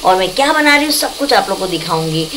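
A young woman with a mid-range voice chats casually with her viewers in a home vlog, talking very animatedly and quickly about her day and her family. She's chatty and calls her audience "guys." There's background noise and background music in the recording.

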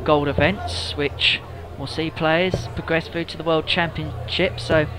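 A man giving live darts commentary in a measured, informative way. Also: fairly high pitch, fairly even intonation, music in the background, poor audio.

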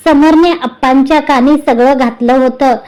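A woman's voice: high-pitched, steady tone, normal speed, a little mellow, low-quality recording. A woman narrating a serialized family story, reading every character's lines in her own voice.

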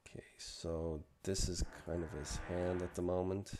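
A man's voice: sits low, flat delivery, moderate pace, noisy background. A man narrating casually as he works on a 3D sculpt, muttering asides to himself. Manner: mumbling asides to himself while working. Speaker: 3D modeling vlogger. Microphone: desk microphone.

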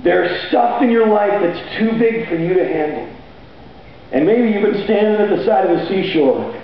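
A middle-aged man preaching a sermon on stage with a handheld mic, energetic and sometimes shouting as he paces. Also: sits high, moderate pace. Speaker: pastor. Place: large hall stage with band gear, seen from far off. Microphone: handheld mic, far camera. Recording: echoey hall from far off, dull audio, faint noise.

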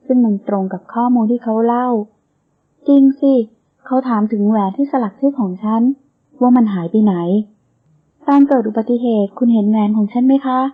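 An earnest young heroine who has lost her memory, read by a woman in an audiobook romance. Her voice is fairly high and a little bright, heard through a tinny phone-like sound. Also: lightly acted. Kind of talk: audiobook character reading.

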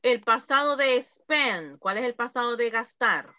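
A woman's voice: on the high side, expressive, no echo, lo-fi sound. Woman, English teacher, patient explaining, dry close sound. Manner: patient, explains slowly, repeats examples. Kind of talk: online class instruction.

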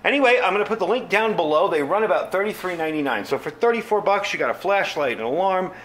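Fast and expressive, this channel host has a high, somewhat bright voice as he reviews a product off the cuff. He keeps things conversational and informal, addressing his audience as "folks."

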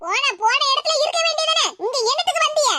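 A performer voicing a feisty, sharp-tongued older wife in a cartoon, with a squeaky, scolding manner and a southern Tamil Nadu accent. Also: fast. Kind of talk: cartoon voice acting. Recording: loud background noise.

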